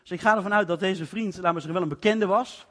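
A male preacher explains scripture in a loose, conversational sermon, stepping into the story's scenes as he goes. His voice sits high for a man. The sound carries the long reverb of a large hall. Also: quick pace, fairly bright tone.

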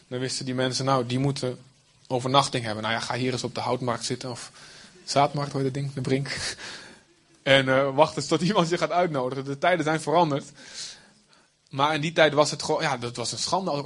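A man's voice: medium pitch, steady tone, brisk, a bit bright. A man preaching a sermon, explaining the text in plain everyday speech with asides.

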